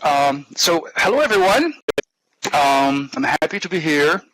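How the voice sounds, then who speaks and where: A man with a Polish accent giving an academic conference presentation, haltingly, with frequent throat-clearing and grunting noises. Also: on the high side, big pitch swings, a bit bright, dry recording, low-quality recording. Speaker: university lecturer, conference speaker. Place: online talk given inside a virtual world.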